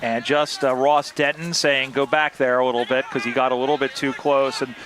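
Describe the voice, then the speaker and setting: A man's voice: mid-range voice, flat delivery, brisk. A man calling a live football match outdoors beside the field, chatty and full of side remarks. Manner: chatty, drifts into asides. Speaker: play-by-play commentator. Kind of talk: live sports commentary. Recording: outdoor field with loud background noise.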